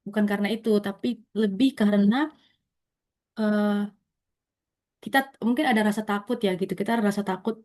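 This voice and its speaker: A woman's voice: mid-range voice, fairly even intonation, a little fast, long pauses, darkish tone. A young woman speaking over a video call, giving friendly, casual advice to students in a question-and-answer session. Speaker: webinar speaker.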